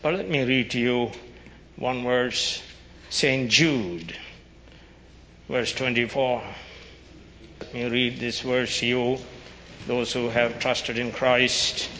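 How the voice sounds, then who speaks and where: A male preacher delivers a doomsday fire-and-brimstone sermon in a forceful, hard-edged voice. He warns sternly and urgently, street-preacher style, in slow and weighty phrases. The sound rings through a long, reverberant hall. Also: mid-range voice, fairly even intonation. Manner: emphatic, solemn, deliberate phrasing. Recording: dull, noisy recording in reverberant hall.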